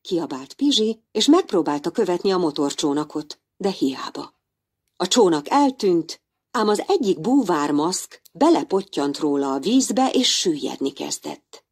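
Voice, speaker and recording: A woman reading a children's storybook aloud as narrator, in an expressive storytelling manner. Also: lowish voice, slightly rough.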